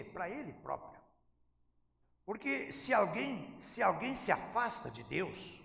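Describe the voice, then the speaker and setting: A man's voice: high voice, gravelly, a bit bright. A man preaching a sermon as pastor, emphatically questioning his congregation. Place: church sanctuary. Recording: echoey church hall.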